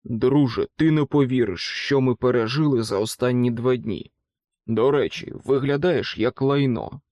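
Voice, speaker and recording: A man voicing an aggressive male ex-soldier who shouts loud, commanding orders. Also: medium pitch, moderate pace, no room sound, dull audio, lightly acted. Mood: gruff.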